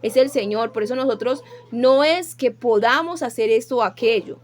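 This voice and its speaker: A woman preaching a sermon. She teaches with rhetorical questions and reads scripture slowly and carefully. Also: on the high side. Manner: slow, measured when reading scripture. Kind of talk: sermon with Bible reading.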